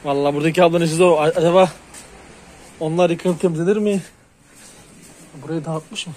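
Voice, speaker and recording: A man vlogging casually while he coaxes and scolds cats, repeating short calls and hushing sounds. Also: a little high, fairly even intonation, brisk, slight background noise. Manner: coaxing and scolding animals, repeating words, calling pss. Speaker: hobby vlogger.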